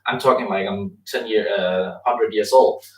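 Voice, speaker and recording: A man's voice: fairly low pitch, normal speed, darkish tone, reverberant, distant mic, poor audio. A man with a Danish accent chatting casually and joking, full of likes and little laughs. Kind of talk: casual chat.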